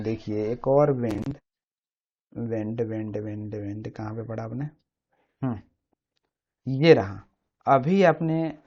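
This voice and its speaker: A man with a mid-range, slightly mellow voice teaches an English grammar lesson step by step, heard on a dull lo-fi recording. He repeats key words over and over and keeps asking "samajh rahe hain na?" to check the listener is following.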